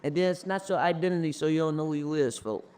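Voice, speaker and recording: High-pitched, blunt male podcast host. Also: quick pace, a little mellow, clean tone. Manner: blunt, challenging, profane. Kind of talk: casual podcast conversation.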